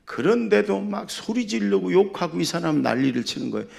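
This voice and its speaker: A male pastor preaching a sermon, swinging between loud exhortation and quiet storytelling. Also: high-pitched, very animated, fairly quick, creaky. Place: church sanctuary.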